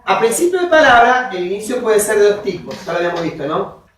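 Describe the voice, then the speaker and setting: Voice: medium pitch, sing-song, fast, fairly bright tone. Lecturer echoing around a distant classroom. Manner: dictates from notes, checks in with frequent "¿sí?"; spells out examples word by word. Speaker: university linguistics teacher. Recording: very echoey classroom, voice from far off.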